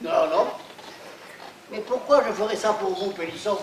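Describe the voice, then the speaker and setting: On a theatre stage, a man with a high-sitting voice speaks at normal speed, playing a hapless fellow posing as a Swiss buyer in an amateur comedy. He bumbles through his lines, tacks "hein" onto them, and laughs often. A far room mic captures roomy, distant stage sound with audience noise.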